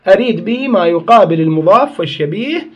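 A man's voice: high-pitched, animated, fast talker, a little mellow, breathy edge, lo-fi sound. A man teaches a grammar lesson. He explains each point step by step, asks questions and answers them himself, and stops to correct his own slips. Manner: corrects himself mid-sentence.

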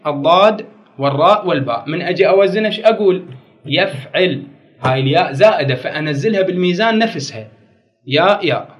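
A man giving a grammar lesson, asking the class questions and answering them himself. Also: a little high. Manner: slows down and spells out word patterns. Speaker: grammar teacher. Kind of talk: classroom lecture on Arabic morphology. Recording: dull lo-fi recording.

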